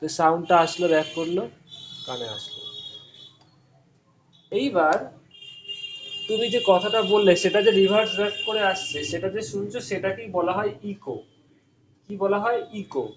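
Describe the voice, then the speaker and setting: A man with a high-pitched voice teaches physics over an online call, working through each idea slowly and asking his students questions along the way. The sound is dull and lo-fi, as from a call line. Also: slight background noise. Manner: explains step by step, quizzing students. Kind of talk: online class explanation.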